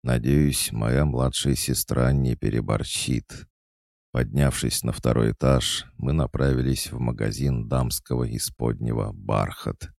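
Deep gravelly audiobook narrator. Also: male voice, fairly even intonation, a little slow, darkish tone, no room sound, clean studio sound. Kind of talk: first-person audiobook narration.

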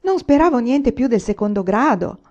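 A woman reading the part of an earnest, studious teenage girl, slightly higher and reassuring. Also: animated, normal speed, a little mellow, dull audio, close to an everyday voice. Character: earnest young teen girl, studious and hopeful.

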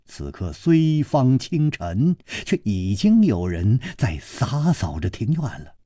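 A man telling a traditional story with a Beijing accent and dramatic, lively intonation. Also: mid-range voice, slow, no room sound, clean studio sound.

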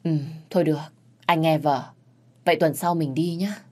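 A woman voicing a gentle young husband who defends his wife and speaks softly to her. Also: deep voice, fairly even intonation, moderate pace. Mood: tender. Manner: pleading, soft.

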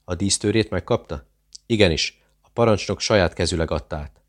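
Man, very deep voice, audiobook narration, steady measured reading.

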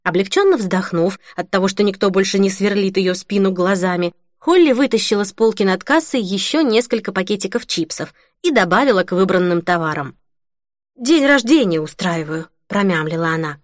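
A woman reading a novel aloud as an audiobook narrator, in an even, measured way. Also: medium pitch, dry recording, clean studio sound. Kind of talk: scripted narration.

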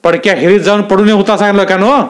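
Man voicing a police inspector, middle-aged, gruff, abusive, barking, raised pitch, loud. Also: fairly even intonation, fast talker, natural voice. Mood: angry barking. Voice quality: barking, cursing.

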